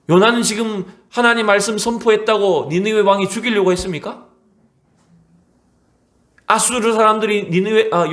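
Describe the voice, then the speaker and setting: A man's voice: sits high, a bit bright. A male pastor preaching a sermon, often asking the congregation questions and acting out quotes.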